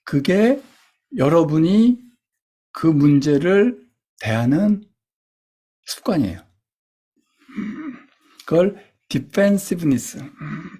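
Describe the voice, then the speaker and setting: Gravelly husky man leading body exercises. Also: sits high, warm tone. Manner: coaching, demonstrating gestures step by step. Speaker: instructor. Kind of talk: guided body exercise lecture.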